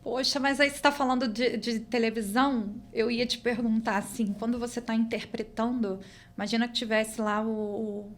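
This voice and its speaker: A woman's voice: a little high, steady tone, moderate pace. A woman speaking Brazilian Portuguese, hosting a podcast interview and prompting her guest with questions and short replies. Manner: engaged, with frequent short backchannels. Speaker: podcast host. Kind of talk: casual interview chat. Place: podcast studio.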